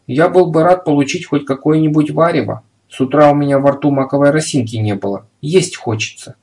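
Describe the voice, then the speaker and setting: A man's voice: on the high side, a little fast, a little mellow, voice pushed up, close to an everyday voice. A man doing a meek, flustered lodger. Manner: flustered and earnest.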